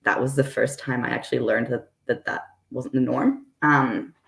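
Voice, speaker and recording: Gravelly young woman host, roomy sound. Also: a bass voice, steady tone, moderate pace. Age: young adult. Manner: friendly, affirming, lots of "mm-hmm". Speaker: interview host. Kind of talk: conversational panel interview.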